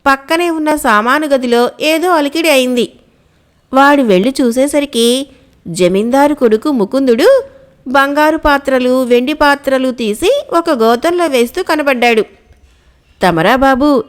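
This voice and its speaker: A woman narrating a children's folk tale, reading steadily and clearly. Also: high voice. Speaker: storyteller.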